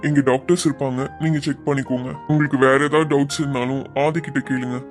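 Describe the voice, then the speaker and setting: A performer voicing a kind older male doctor and uncle in an animated series, who talks in a soothing, reassuring way. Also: mid-range voice, quick pace, soft background music, close to an everyday voice. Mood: calm.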